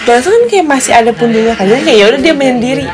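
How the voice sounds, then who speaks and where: A woman's voice: high-pitched, animated, rapid-fire. A young woman chatting casually with viewers on a phone livestream from her bedroom, giggly and talkative. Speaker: live streamer. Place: bedroom at home. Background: music.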